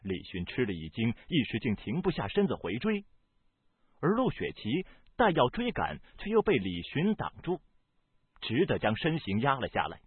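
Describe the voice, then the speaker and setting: A man with a husky voice reading a novel aloud as audiobook narrator, in an expressive, varied storytelling delivery. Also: medium pitch, normal speed, no echo. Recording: dry, tinny phone-like sound.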